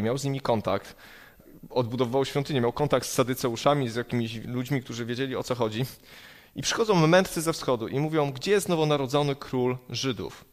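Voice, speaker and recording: Male preacher, mid-pitched voice, earnest and insistent, heard in a big echoing church. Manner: earnest, emphatic repetition. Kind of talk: sermon. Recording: long hall reverb.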